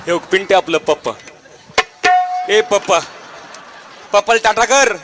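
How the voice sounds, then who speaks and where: A man's voice: high voice, measured pace. A man performing a comic folk piece, voicing a boastful, doting village mother who coos and coaxes her oversized grown baby. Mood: doting, teasing. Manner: cooing, coaxing, sing-song calls. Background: tabla and folk music.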